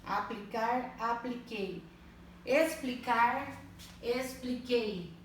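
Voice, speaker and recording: A woman teaching a primary school language lesson, spelling out words slowly and patiently, often checking that the children follow. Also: fairly high pitch. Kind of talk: slow, clearly spelled-out online lesson. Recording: echoey room, mic at a distance, faint noise.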